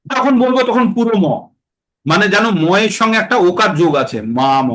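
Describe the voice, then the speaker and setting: High-voiced man teaching verse chanting. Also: lively intonation, a bit bright, rough recording. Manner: slows to chant verses syllable by syllable; patient, explanatory, checks understanding. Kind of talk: online class teaching verse recitation.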